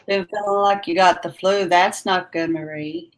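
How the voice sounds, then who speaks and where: A woman's voice: fairly low pitch, fairly even intonation, normal speed. A woman chatting casually on a livestream in a folksy, friendly way, her R and W sounds running together. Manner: folksy, friendly, responding to viewers by name. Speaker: livestream host chatting with viewers.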